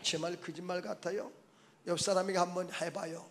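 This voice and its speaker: A middle-aged man, a pastor, preaching a revival sermon, swinging from soft asides to shouted exclamations. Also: sits high, little pitch movement, fairly quick. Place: church sanctuary.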